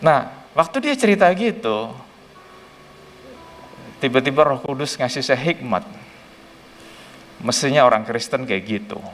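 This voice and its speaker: A male pastor preaching a sermon in a casual, colloquial way. He tells stories animatedly and acts out dialogue with sudden jumps in pitch. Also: lively intonation, unhurried, long pauses, fairly bright tone, a little hiss or hum. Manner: casual colloquial Jakarta-style speech.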